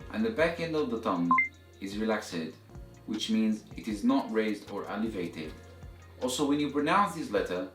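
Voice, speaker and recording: A man giving a step-by-step language lesson as a teacher, explaining methodically and repeating examples for learners. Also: mid-range voice. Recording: roomy echo, distant mic, music behind.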